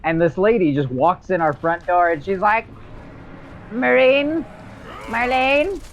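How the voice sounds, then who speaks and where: A man chatting casually during a video game session, telling stories in an animated way. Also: fairly high pitch, moderate pace, soft background music. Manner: animated storyteller. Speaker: co-player. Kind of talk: casual gaming chat.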